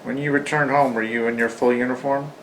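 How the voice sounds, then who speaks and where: Guy doing an interview, short plain questions, average pitch, bit of background noise. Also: fairly even intonation, fairly quick, a bit bright, low-quality recording.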